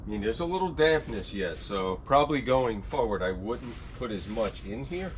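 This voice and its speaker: There's background noise behind this man's expressive, fairly low voice, which moves at a moderate pace. As he works with gardening equipment, he chats folksily to viewers in a casual hands-on product review.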